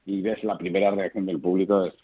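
Man, clown, chatty storyteller, husky, tinny phone line. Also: sits low, flat delivery, brisk. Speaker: interview guest. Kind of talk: phone interview.

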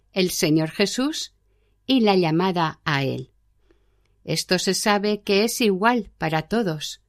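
A gentle, learned old monk explains prayer in a calm, measured voice , as a woman reads him aloud from a spiritual book. The pace stays slow and deliberate. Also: medium pitch. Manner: measured, unhurried reading.

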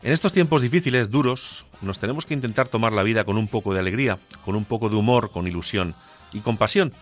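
Over music, a man with a fairly low voice talks fast in a declamatory radio monologue full of passion and rhetorical emphasis. He's a radio contributor from La Mancha, central Spain, with a central Castilian Spanish accent.

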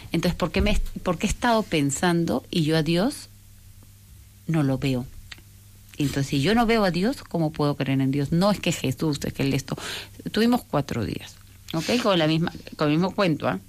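A woman with a notably low voice tells a personal story of faith as an interview guest. She speaks earnestly and searchingly, circling back and correcting herself as she goes. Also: expressive, moderate pace.

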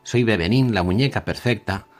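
A man's voice: fairly low pitch, normal speed, voice pushed up, close to an everyday voice. A man voicing a mechanical, repetitive, demanding talking doll in a storybook reading. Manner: mechanical, repeating set phrases.

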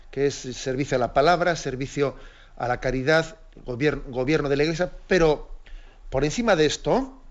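A priest preaching an earnest sermon to fellow priests, repeating his key phrases and asking rhetorical questions. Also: on the high side. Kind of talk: reflective sermon to clergy. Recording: dull lo-fi sound.

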